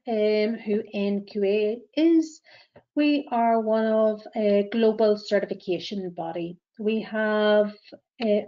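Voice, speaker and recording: This webinar comes from a greenhouse gas verifier, a woman from Northern Ireland with a Northern Irish accent. She talks in a measured manner with many ums and uhs, her voice mid-range and dark, and the audio is dull.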